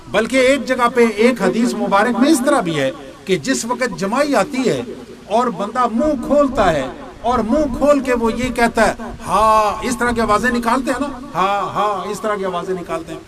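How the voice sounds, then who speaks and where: An older male preacher from Pakistan with a high voice talks a crowd through his teaching step by step. He puts questions to the listeners and answers them himself, now and then dropping into Punjabi, while the noise of the gathering carries behind him. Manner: slips into Punjabi asides. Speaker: religious teacher. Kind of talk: sermon.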